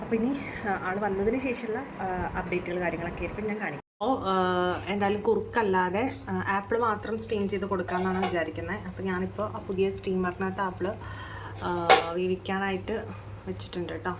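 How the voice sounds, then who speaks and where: A young mother from Kerala chats quickly through her day in a casual home vlog and keeps tagging her sentences. She sounds like she is recorded on a phone in her bedroom. A clear hum of room ambience runs under her voice. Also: mid-range voice, fairly even intonation. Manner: chatty, often adds "you know" tags. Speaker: vlogger and mother of a baby. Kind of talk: casual daily-life vlog.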